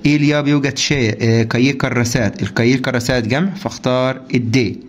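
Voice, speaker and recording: An Egyptian man teaches at a brisk clip, working through homework answers one after another. His voice sits at a medium pitch, and he keeps prompting the class with quick rhetorical questions. Faint noise hums behind him. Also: steady tone. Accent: Egyptian Arabic. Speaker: French teacher. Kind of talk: homework walkthrough lesson.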